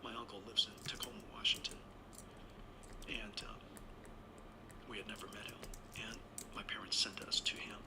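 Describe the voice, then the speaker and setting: In a whisper, a lowish voice with little pitch movement unfolds at normal speed, broken by long pauses. The speaker, a Taiwan-born interviewee in his sixties, rambles through a long personal tale and often corrects himself.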